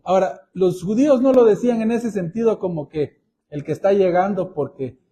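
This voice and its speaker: A man with a high-sitting, warm voice preaches a Bible-teaching sermon, deliberately explaining verses and addressing his listeners as brothers.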